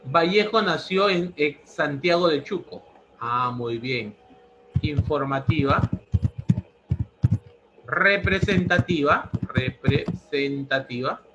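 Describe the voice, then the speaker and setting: A man's voice: a little high, animated, slow, pauses often, lo-fi sound, background noise. A man teaching a language lesson, repeating each answer several times. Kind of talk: pre-university language lesson.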